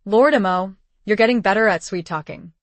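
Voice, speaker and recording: Period drama dub: actress playing a brisk, fussing young wife who cares and gives orders, very dry recording. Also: female voice, medium pitch, dry recording, lightly acted. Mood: teasing, fussing.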